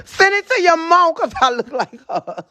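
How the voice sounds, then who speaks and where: A man's voice: extremely high pitch, big pitch swings, moderate pace. A man with a lisp from a missing front tooth, bantering casually and brashly with lots of swearing. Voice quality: lisping, slurred speech from a missing front tooth. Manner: brash, loud, theatrical trash talk with heavy swearing. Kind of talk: casual joking chat.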